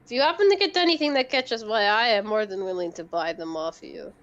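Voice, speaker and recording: A woman playing a tabletop role-playing game, speaking casually in character with halting, polite phrasing. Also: mid-range voice, lo-fi sound, a crowd in the background.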